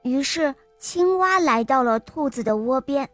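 High-voiced woman reading a children's story. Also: animated, measured pace, no echo. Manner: warm, sing-song address to children. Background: faint music.

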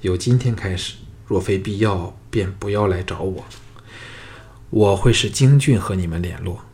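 A man voicing a calm charming young hero. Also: deep voice, normal speed. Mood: earnest. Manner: earnest, steady.

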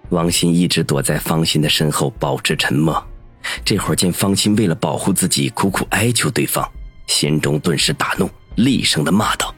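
A man narrating a story with steady storytelling in an audiobook. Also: rumbling low, normal speed, husky, faint music behind. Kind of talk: scripted narration.

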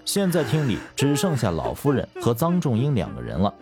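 A man narrating a story in an expressive, lively storytelling manner. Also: mid-range voice, a little fast, over music.

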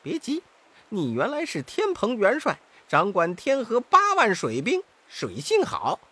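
A woman's voice: mid-range voice, huge pitch swings, a little slow, pushed and bright, slightly rough, heavily acted. A woman voicing a cheeky, mischievous male monkey king in a children's storybook, chuckling and teasing. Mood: scheming. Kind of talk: storybook character voice.

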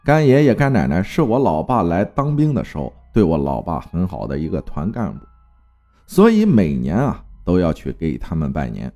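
A man narrating a spooky folk tale in a lively, dramatic way. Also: normal speed, faint music behind. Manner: lively, dramatic telling with big swings of pitch. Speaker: storyteller.

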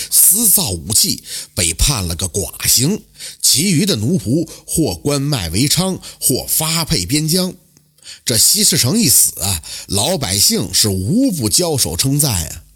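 A man narrating a traditional folk tale in a lively, dramatic storytelling manner. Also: mid-range voice, husky.

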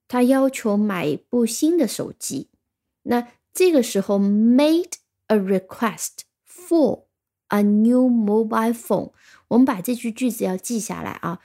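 A woman's voice: a little high, vocal fry, mellow. A woman teaching vocabulary in a recorded lesson, patiently spelling words out letter by letter. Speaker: English teacher.

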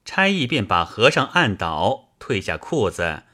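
A man reading a classic novel aloud in a slow, expressive storytelling style. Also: on the low side.

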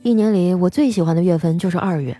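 A young woman, telling comic stories as a radio host in a wry, deadpan way and playfully voicing the people she quotes. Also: lowish voice, fast talker, no room sound, faint music behind. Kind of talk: comic storytelling monologue.

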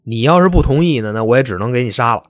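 Brief: man playing a creepy young man, wheedling and low-voiced, dry sound. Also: expressive, very fast, no echo, lightly acted. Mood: menacing. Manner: wheedling, then low and threatening. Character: creepy young man, pleading then menacing.

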